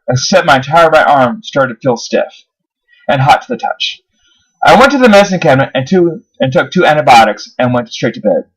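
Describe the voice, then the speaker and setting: A man's voice: fairly high pitch, fairly bright tone, poor audio. A man reading his own first-person horror story aloud, his voice rising on the dramatic moments. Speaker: narrator.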